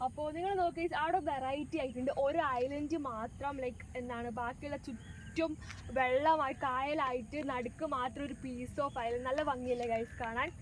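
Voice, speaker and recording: A woman's voice: high-pitched, fairly even intonation, normal speed. A woman with a northern Kerala Malayali accent doing a casual, enthusiastic travel vlog outdoors, mixing English words into her Malayalam and addressing her viewers. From Wayanad, Kerala, India. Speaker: travel vlogger. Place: outdoors by backwaters, paddy fields and on a canoe. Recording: noisy outdoor recording with ambient sound.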